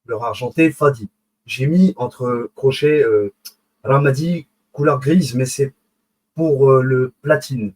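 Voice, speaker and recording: A man's voice: mid-range voice, slow, darkish tone, poor audio. A man giving a casual live lecture, digressing, correcting himself, and checking in with his listeners as he goes. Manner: digressive, self-correcting, many fillers and restarts. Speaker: online lecturer on esoteric symbolism.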